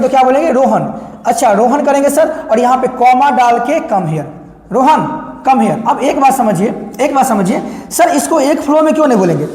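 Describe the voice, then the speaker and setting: A man's voice: extremely high pitch, a little mellow, echoey room, big-room sound. A man teaching a spoken English lesson. He asks the class questions, answers them himself, repeats each example and keeps checking that students follow. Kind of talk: classroom lecture explaining grammar.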